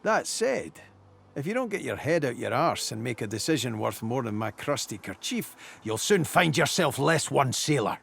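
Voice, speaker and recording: An actor playing a gruff, salty old dwarf sailor in a video game, frank and plain-spoken with a soft heart. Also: male voice, mid-range voice, big pitch swings, moderate pace, exaggerated voice. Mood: stern, warning.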